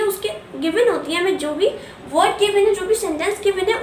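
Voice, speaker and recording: Very high-voiced, unhurried Indian woman teacher. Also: a little hiss or hum. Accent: Indian English. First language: Hindi. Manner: switches between Hindi and English, repeats words slowly to model pronunciation. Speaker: English teacher. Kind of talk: spoken English lesson. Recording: echoey room, voice from a distance.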